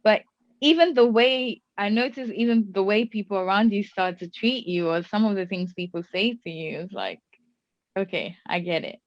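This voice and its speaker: A woman's voice: medium pitch, moderate pace, no echo, lo-fi sound. A young woman in her twenties hosts a casual podcast chat, thinking aloud and asking probing questions. The recording is dry and close, with a slightly dulled top end. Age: 20s. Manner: reflective, asks probing questions. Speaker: podcast host.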